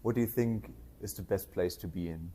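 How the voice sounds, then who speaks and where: Low-voiced male podcast host. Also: fairly quick, dark tone. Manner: short encouraging backchannels, asks questions with some fillers. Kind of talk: casual conversational interview.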